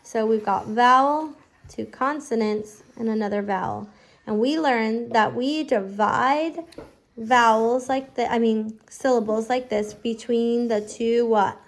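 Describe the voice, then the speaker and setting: A woman teaching a phonics lesson casually, giving slow school dictation with repeated words and prompts for a child. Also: a little high. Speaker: home phonics teacher, parent-style instructor.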